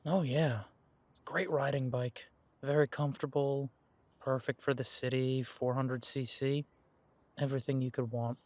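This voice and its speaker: A man voices an easygoing young werewolf in an audio roleplay, speaking directly to the listener at a middling pitch. He sounds relaxed and unhurried, reminiscing with a nostalgic mood and frequent soft chuckles. The performance is lightly acted and the recording is dry.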